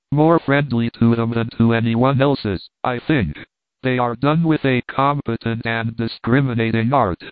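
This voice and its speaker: A man's voice: mid-range voice, smooth, dry recording. Man reading essays over a tinny line. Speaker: reader. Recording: dry, tinny phone-like sound.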